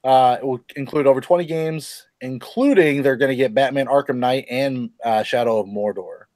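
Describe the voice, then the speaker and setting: A man's voice: medium pitch, normal speed, a little mellow, dry recording. Male podcast host, loose and profane, dry close recording. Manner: swears often, loose and rambling. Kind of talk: casual gaming news chat.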